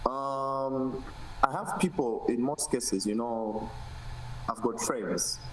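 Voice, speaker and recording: A man's voice: mid-range voice, takes it slowly, roomy sound, recorded from a distance, a little hiss or hum, rough recording. A Zambian man answering as an interview guest in casual chat, hesitant with many fillers, mixing in local words. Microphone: video call.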